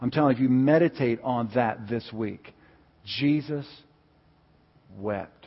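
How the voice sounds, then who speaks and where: Husky-voiced preacher in a reverberant church. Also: male voice, mid-range voice, a little fast, lo-fi sound. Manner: builds to impassioned, near-shouting preaching. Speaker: pastor. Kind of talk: sermon. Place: church sanctuary.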